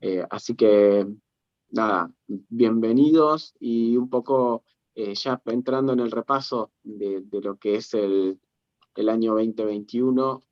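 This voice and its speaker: Hoarse man hosting a video-call meeting. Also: fairly low pitch, slow, dry recording, muffled recording. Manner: hesitant, many fillers. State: hoarse from a cold. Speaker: meeting host. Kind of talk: online meeting presentation.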